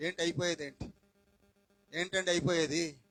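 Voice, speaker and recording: Man, pastor, high voice, sharp bright tone, sermon, mixes in English, shouts and asides. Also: fairly even intonation, normal speed, no room sound, faint music behind, poor audio. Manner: shouts and drops to low asides, questions the congregation; mixes English phrases into preaching. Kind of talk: Pentecostal sermon.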